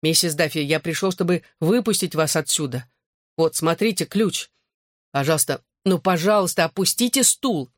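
A man reading an audiobook who voices a young man, calm, soothing and earnest. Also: fairly high pitch, moderate pace, dry recording, clean studio sound, lightly acted. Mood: pleading.

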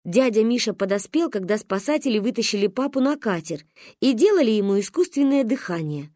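A woman narrating a humorous storybook aloud, with lively, expressive telling. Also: fairly high pitch, fairly quick, dry recording, studio quality. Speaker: audiobook narrator.

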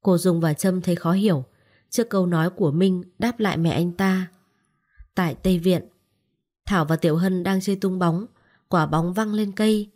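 A woman narrating a romance audiobook in a steady storytelling style. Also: fairly low pitch, moderate pace.

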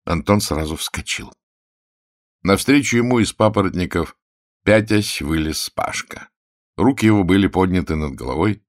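A man reads a story aloud in a steady, measured way. His voice is deep and low. The recording is dry and close, with no room sound. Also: no room sound. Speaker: narrator. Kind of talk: audiobook narration.

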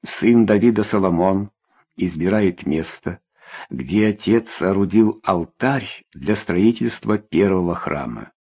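A man reading a novella aloud as an audiobook narrator, in a measured, expressive way. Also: deep voice, husky. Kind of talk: scripted narration.

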